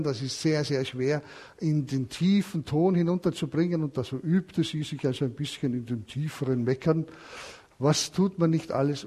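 Preacher, male, husky and a touch high, storytelling sermon, questions to the listeners. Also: dark tone. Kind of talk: sermon with a told parable.

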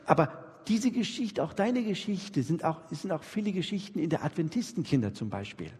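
A man with a higher, sing-song voice runs an interactive church workshop, speaking fairly fast in a slightly mellow, slightly rough tone. He coaches his listeners emphatically, repeats his points, and often checks that they're keeping up. A live-recording mic picks him up in a reverberant hall with a long echo.

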